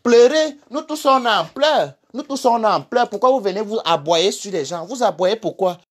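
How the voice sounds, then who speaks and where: A man's voice: high-pitched, animated, normal speed. Cameroonian French man, livestream rant, honeyed mocking insults, keeps repeating his jabs. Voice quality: honeyed, sweet-toned insults.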